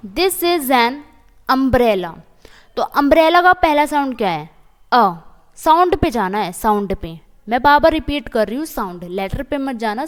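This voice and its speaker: A woman teaches English grammar, patiently repeating each point and asking her viewers questions. She speaks slowly in a somewhat high voice and reads the example sentences deliberately. Her voice carries a long reverb, as if she is recorded in a hall. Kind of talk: Hindi-English grammar lesson.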